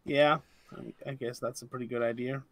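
A man's voice: medium pitch, normal speed, vocal fry. A European man co-hosting a game development stream, joking and chatting casually. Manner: lively, joking, laughs easily. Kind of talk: casual chat while gaming.

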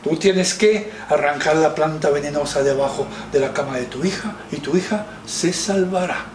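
A man's voice: a little high, moderate pace, slight background noise, close to an everyday voice. A man voicing a brave young woodcutter who gives earnest advice in a storybook tale. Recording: roomy, distant mic.

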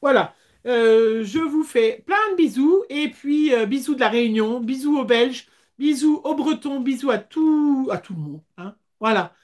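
Holding her device at arm's length, a woman runs an informal craft livestream from a small room. Her high voice is animated yet a little mellow, and her chatter comes with hesitant pauses.

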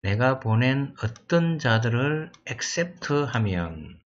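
A man teaching through Bible exam questions, reading English verses slowly and explaining them in his own words, thinking aloud as he goes. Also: mid-range voice, very animated, highs cut off. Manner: slow, deliberate reading of English verses with Korean glosses; thinks aloud and corrects himself. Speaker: exam prep lecturer.

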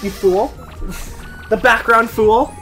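A young woman hosting a casual let's-play, chatty and excitable, cheering her teammates on. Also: a little high, takes it slowly. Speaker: gaming channel host. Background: game music.

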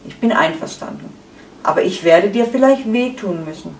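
A woman voicing a calm, soothing egg yolk. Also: medium pitch, moderate pace, a little hiss or hum, lightly acted. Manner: soothing, placid. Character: calm, content egg yolk, gently giving in. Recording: echoey room, far from the mic.

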